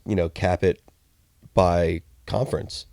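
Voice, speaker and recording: A man's voice: low-pitched, little pitch movement, takes it slowly, a little mellow, no echo. A man co-hosting a casual sports podcast, giving blunt, matter-of-fact opinions. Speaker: podcast co-host.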